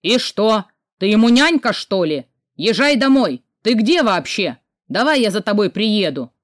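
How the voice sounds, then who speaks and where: A woman reading an audiobook voices an irritable older brother who scolds loudly and fires off questions. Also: mid-range voice, expressive, no room sound, studio quality, natural voice. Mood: shouting. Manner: loud, scolding, rapid-fire questions. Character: irritable young man, a bossy older brother.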